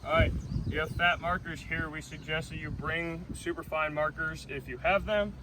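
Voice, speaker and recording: A man's voice: a little high, steady tone, normal speed. A man instructing trainees on an artillery call for fire, emphatic and directive, repeating key points. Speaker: military instructor. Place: outdoors under camouflage netting in a field. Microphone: phone held among the seated trainees. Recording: noisy outdoor phone recording.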